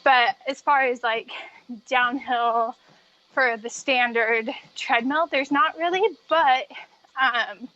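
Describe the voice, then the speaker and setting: A woman's voice: on the high side, steady tone, slow, bright, forceful tone, no room sound. A woman talking casually and chattily as a guest in a podcast interview about her own experience. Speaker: podcast guest, treadmill runner. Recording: dull, muffled lo-fi audio.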